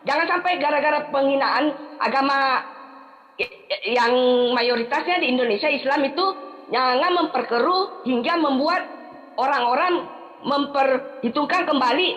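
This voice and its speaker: A man aged thirty-nine calling in, pleading haltingly with the preacher and stumbling over his words. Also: very high-pitched, bright, forceful tone, long reverb tail. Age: 30s. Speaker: caller. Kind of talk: tense call-in argument.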